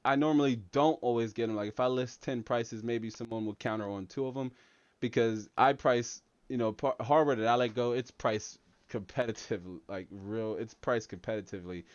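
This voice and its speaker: A man's voice: mid-range voice, normal speed, clear, resonant tone, dry recording, highs cut off, lightly acted. An American man, a tech channel host, putting on a hammy fake London English accent with British slang during a livestream Q&A. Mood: playful. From United States.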